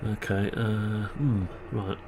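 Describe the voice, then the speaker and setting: This man's fairly low voice stays steady and slow, with background noise behind it. Congested and weary from the flu, the hobbyist mumbles to himself and rambles as he works through a laid-back tutorial, his tone muffled.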